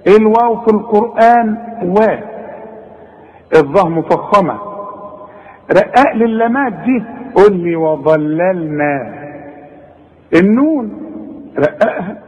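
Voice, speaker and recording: A man with an Egyptian Arabic accent teaching tajweed, drawing out words slowly to demonstrate and chiding the student. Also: high-pitched, a little mellow, in a large hall, muffled recording. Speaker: Quran recitation teacher. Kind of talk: tajweed lesson.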